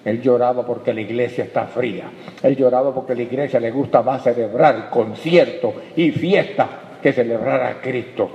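A man preaching a sermon as pastor, calling listeners brother and building to loud, fervent peaks. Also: medium pitch, fairly even intonation, normal speed. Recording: echoey hall, dull lo-fi sound.

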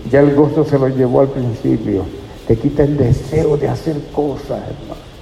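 Gravelly-voiced preacher in an echoey hall. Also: male voice, medium pitch, fairly even intonation, moderate pace, dark tone, slight background noise. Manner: earnest, addresses listeners as brother. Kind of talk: sermon. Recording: echoey hall with faint ambience.

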